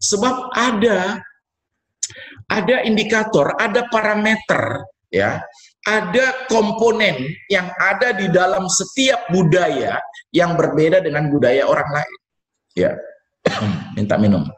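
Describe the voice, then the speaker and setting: A man's voice: high-pitched, expressive, slow, long pauses, fairly bright tone, reverberant, poor audio. A man, lecturing students in a conversational way, repeating words and answering his own questions. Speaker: university lecturer.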